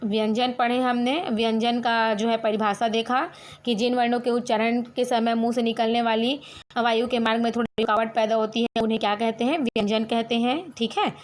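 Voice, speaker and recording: A woman teacher with a fairly high voice talks through a grammar lesson for her students online. She explains things step by step and asks questions that she then answers herself. When she comes to the letters, she sounds them out slowly, one at a time. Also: steady tone.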